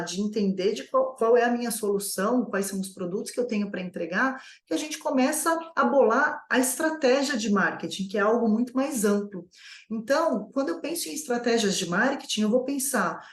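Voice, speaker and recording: A woman's voice: fairly high pitch, lively intonation, fairly quick, reverberant. A woman coaching new business owners in a conversational lesson, asking herself many rhetorical questions. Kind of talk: online course lesson.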